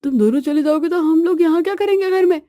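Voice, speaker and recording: A woman's voice: extremely high pitch, fast, warm tone, no echo, studio quality, pitched above the performer's own voice. A woman doing a teasing young male friend. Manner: teasing and jovial.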